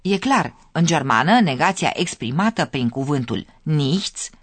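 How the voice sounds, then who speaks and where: A radio lesson host reading scripted narration clearly, explaining and addressing listeners directly. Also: medium pitch, animated, no echo.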